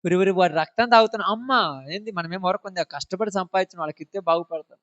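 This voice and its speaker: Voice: medium pitch, fast, fairly bright tone, highs cut off. Preacher; sermon; keeps firing questions at the congregation. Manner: fires rhetorical questions at the congregation.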